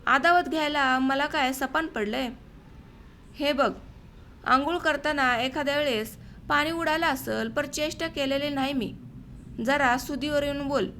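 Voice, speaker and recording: A woman voicing an enraged young village husband who is humiliated and violent, speaking in shouting, bitter outbursts. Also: sits high, unhurried, a little hiss or hum. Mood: defensive.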